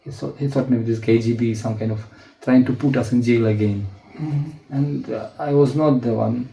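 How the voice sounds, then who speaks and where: A male spiritual teacher, telling stories in a sermon with frequent laughter and animated acted-out voices. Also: medium pitch, normal speed, vocal fry. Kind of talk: storytelling sermon. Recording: echoey lecture hall.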